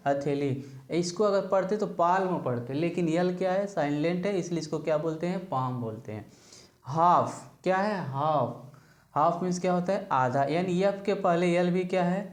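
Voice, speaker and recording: A woman teaching English spelling, slowly spelling words letter by letter and asking questions she answers herself. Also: on the low side, darkish tone, reverberant. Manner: asks a question, then answers it herself, over and over. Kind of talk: classroom-style explanation of silent letters.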